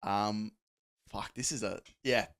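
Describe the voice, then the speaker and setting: A man from Australia co-hosting a casual podcast, rambling with restarts and slipping into animated quoted voices. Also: on the low side, takes it slowly, clear, resonant tone, no echo, clean studio sound. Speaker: podcast co-host.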